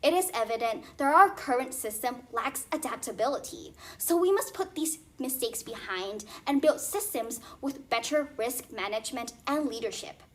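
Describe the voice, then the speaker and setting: A young woman competing in a speech contest, delivering a formal, rehearsed speech in a stiff, memorized way with deliberate emphasis. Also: a little high, lively intonation, fairly bright tone. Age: young adult.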